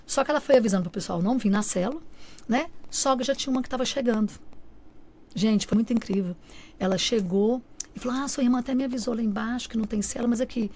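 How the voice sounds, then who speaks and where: A fast-talking woman with a slightly high voice appears as a guest on a radio show, sharing an emotional personal testimony from the studio. She is animated throughout and often plays out the quoted lines of friends and family.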